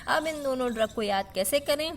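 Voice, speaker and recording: A woman's voice: high-pitched, expressive, a little hiss or hum. Patient Hindi-speaking woman teaching drug names. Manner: patient, repeats and spells out drug names slowly; checks in with the listener, often asking "ठीक है". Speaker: pharmacy teacher. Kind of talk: explaining lecture with memory tricks.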